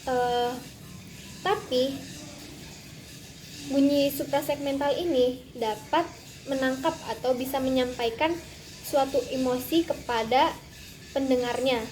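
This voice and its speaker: A woman's voice: sits high, slow pace, pauses often, a little mellow, a little hiss or hum, low-quality recording. A young woman from Indonesia giving a recorded class presentation, explaining carefully with frequent hesitations. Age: young adult. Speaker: student presenter.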